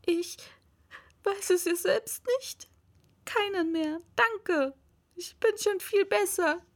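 A woman voicing a small, shaken male lizard in a storybook reading, with a squeaky, flustered voice. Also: takes it slowly, heavily acted.

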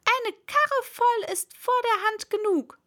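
A woman voicing a bossy, fussy male rabbit in a storybook reading, calling out orders in a shrill voice. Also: slow, sharp tone, heavily acted.

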